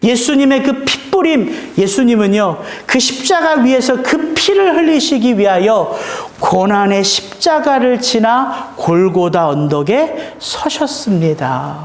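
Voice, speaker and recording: A man with a notably high voice delivers a Sunday sermon in a reverberant church sanctuary. He speaks earnestly, poses rhetorical questions to the congregation, and slows down to weigh each important word. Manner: earnest preaching with rhetorical questions, slowing on key words. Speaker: pastor.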